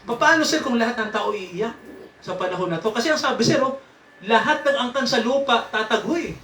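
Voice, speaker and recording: Male preacher, high bright voice, chatty teaching style, roomy distant recording. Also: lively intonation, a little fast, slight background noise. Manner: asks the congregation questions, frequent "no?" and "sir"; chuckles often while teaching. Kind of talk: interactive Bible teaching. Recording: echoey room, mic at a distance.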